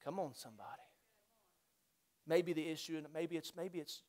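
Male pastor, high voice, fervent church sermon with big swings from shouted to hushed. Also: moderate pace. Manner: builds to loud fervent preaching, then drops to soft, near-whispered intensity; repetitive call-and-response exhortation. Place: church sanctuary.

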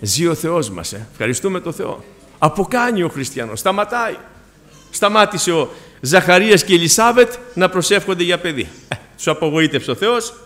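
A man's voice: sits high, very animated, fairly bright tone. A man preaching a sermon with a Greek accent, telling personal stories and rising to fervent emphasis.

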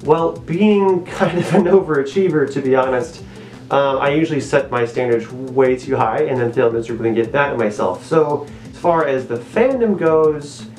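A man's voice: medium pitch, normal speed, a little mellow, reverberant. A young man talking from inside a mask head, so his voice is muffled, answering viewer questions in a laid-back, chatty way. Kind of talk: casual Q&A vlog.

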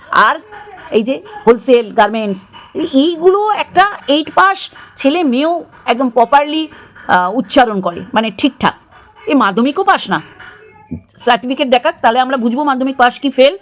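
A woman vlogger delivering an angry, scornful commentary rant full of abusive, disgusted outbursts. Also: fairly high pitch.

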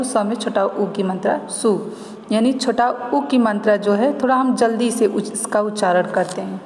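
A woman teaching a primary school class online, slowly and patiently sounding out each syllable for young pupils. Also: a little high, darkish tone, echoey room, in a large hall.

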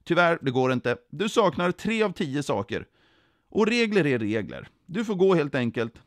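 A man's voice: a little high, sing-song, no room sound, studio quality, pitched above the performer's own voice. A man voicing a strict gatekeeper who checks a list and turns people away in an officious, firm manner. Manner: officious, counting slowly, firm refusals.

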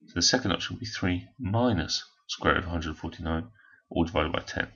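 A man with a low, gravelly, hoarse, husky voice that is also a bit bright walks through a maths problem step by step, talking fairly quickly while working on a calculator. This recorded maths lesson sounds dull and lo-fi.

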